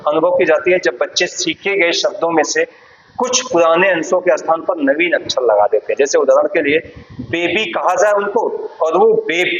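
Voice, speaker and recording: A man with a fairly high voice teaches an exam-prep class. He walks through each point, poses a question and answers it himself, often checking in with "okay". The sound is dull and lo-fi, with a faint hiss behind him. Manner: explains step by step, asking and answering his own questions, often saying "ठीक है".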